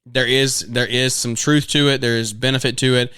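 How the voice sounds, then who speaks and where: A man's voice: medium pitch, fairly even intonation, normal speed, a bit bright, clear, resonant tone, no echo, clean studio sound. A man in his twenties hosting a solo podcast, talking earnestly and rambling a little, with many fillers and restarts. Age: 20s. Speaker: podcast host.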